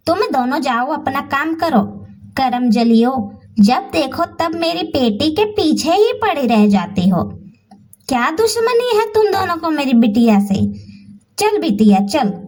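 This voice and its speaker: A woman voicing a nagging, scolding older mother-in-law who shouts at her daughters-in-law, heard from a distant mic. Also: sits high, sing-song, unhurried.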